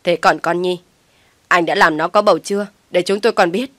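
A woman's voice: medium pitch, fairly even intonation, quick pace, no echo, natural voice. A woman doing a raging, sarcastic father. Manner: shouting, sarcastic. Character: angry middle-aged father, bellowing.

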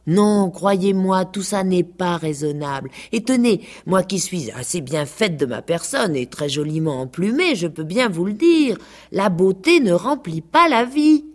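A woman reading aloud and putting on a proud but wise storybook peahen, pitched above her own low voice. She lectures earnestly in a husky tone with lively swings of pitch. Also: unhurried. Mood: lecturing. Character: wise, preening female peacock giving lessons.

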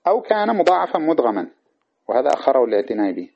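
A man with a husky, breathy voice teaches classical grammar in a lecture, patient and methodical, stopping often to ask if it is clear. His speaking pitch sits in an ordinary middle range. The recording is dull and lo-fi. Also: sing-song, racing. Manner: patient explainer with frequent check-in questions.

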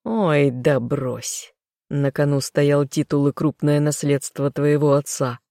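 A woman reading an audiobook, voicing a cold, sneering young nobleman husband with a low, growling, hushed delivery. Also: steady tone, slow, creaky, no echo, clean studio sound, heavily acted. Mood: contemptuous.

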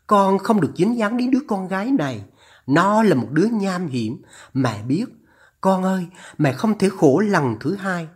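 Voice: mid-range voice, slightly rough, voice pushed up. A narrator voicing an anxious older mother on the phone, her trembling voice urgent and scolding as she pleads.

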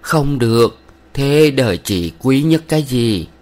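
A man's voice: mid-range voice, lively intonation, unhurried, darkish tone, pitched above the performer's own voice, lightly acted. A man voicing a stern, moralizing middle-aged village matron who lectures a young woman with sugary sternness in a read-aloud novel. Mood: lecturing.

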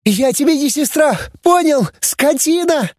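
A man reading an audiobook, voicing an impulsive young woman pilot with shrill, high shouting. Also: moderate pace, dry recording, clean studio sound, natural voice. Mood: enraged.

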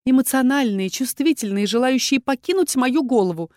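A woman voicing a fiery, quick-tempered young witch heroine who speaks in loud, raised, indignant outbursts. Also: high voice, expressive, no echo, studio quality, voice pushed up.

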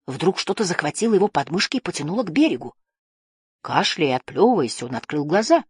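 Husky woman reading a story. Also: lowish voice, fast talker, dry recording, studio quality. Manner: steady storytelling. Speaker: audiobook narrator. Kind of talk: scripted narration.

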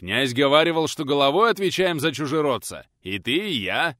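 A man voicing a big red-bearded guard, dutiful and blunt, speaking loudly and insistently. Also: fairly high pitch, animated, normal speed, no echo, studio quality, voice pushed up.

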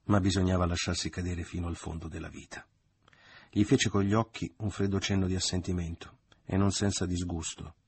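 A man narrating a literary audiobook in a measured, deliberate reading. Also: deep voice, husky, dry recording. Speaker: audiobook reader.

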